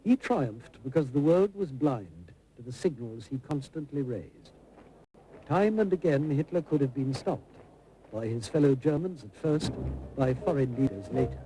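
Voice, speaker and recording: A man's voice: mid-range voice, animated, unhurried, dark tone, a little hiss or hum, poor audio. A man reading scripted narration for a historical television documentary. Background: prominent music.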